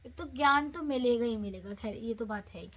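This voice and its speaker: A woman's voice: fairly high pitch, a little fast, dull audio. A woman giving patient, repetitive step-by-step guidance on daily devotional reading, mixing English words into her talk. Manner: patient, repeats instructions, mixes in English words. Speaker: devotee guiding followers on daily scripture reading. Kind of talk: casual devotional how-to talk.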